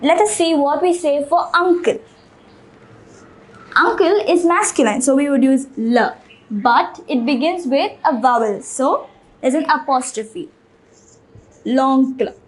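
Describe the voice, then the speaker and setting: A woman with a high, bright-pitched voice gives an unhurried language lesson. She speaks slowly and deliberately, repeating each word several times like a patient classroom teacher. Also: lively intonation, rough recording. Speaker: French teacher.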